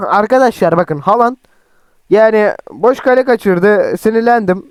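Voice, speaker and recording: Hoarse young man, high voice. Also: unhurried, dry recording. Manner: chatty, teasing, shouts at players. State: sore throat, voice cracking. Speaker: mobile football gameplay streamer. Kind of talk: excited gameplay commentary.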